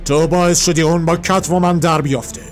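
A man playing a stern masked vigilante from a comic story, accusing in a raised, fairly high male voice. Faint music plays underneath. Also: steady tone, natural voice.

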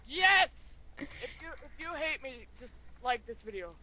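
A man's voice: very high-pitched, very animated, measured pace, pushed and bright. A man making random jokes and goofy remarks while playing a game with friends. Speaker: friend in a gaming session. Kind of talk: casual gameplay chat. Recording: noisy game-chat audio.

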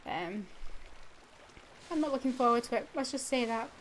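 This young adult let's play gamer has a fairly high voice with lively intonation and a moderate pace, though a cold leaves her nose stuffy. She rambles casually over a video game, full of fillers and restarts, with audible background noise.

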